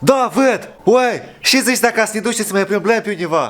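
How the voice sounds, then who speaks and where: A cheeky young cartoon lad, played by a man. His voice is high and light, tossing out casual slang. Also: a bit bright. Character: cheeky young man Pavel, a joking friend.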